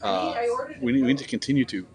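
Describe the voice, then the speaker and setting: A man's voice: medium pitch, fast, crowd noise. A man speaking as an interview guest, earnest and pleading, laughing often. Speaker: festival promoter guest. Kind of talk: casual interview chat.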